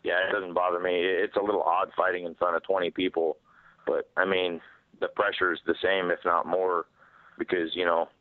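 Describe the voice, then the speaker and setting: A man, a fighter, answering press questions on speakerphone in a halting way with many fillers. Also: low-pitched, no room sound. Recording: tinny phone line, dry.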